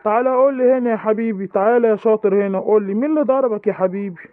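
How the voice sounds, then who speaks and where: A man's voice: sits high, very fast, no echo. A man with an Egyptian accent playing a reproachful school principal in a comedy sketch. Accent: Egyptian Arabic. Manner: lecturing, reproachful. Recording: tinny phone-like dry sound.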